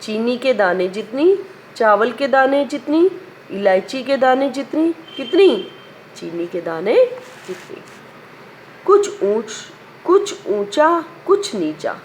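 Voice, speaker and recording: A woman's voice: fairly high pitch, big pitch swings, slow, slight background noise. A woman teacher reciting a children's poem in a sing-song way, asking questions and answering them herself. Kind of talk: primary school lesson recitation.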